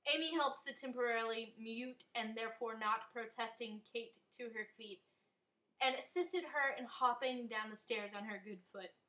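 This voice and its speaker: A woman's voice: on the high side, normal speed, pushed and bright, rough recording. A woman reading her own story aloud in a wry, amused way.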